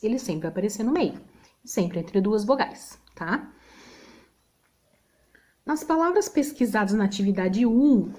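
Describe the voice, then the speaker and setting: A woman's voice: on the high side, a little mellow. A woman with a Brazilian Portuguese accent teaching a remote spelling lesson, patient, checking in with the class often.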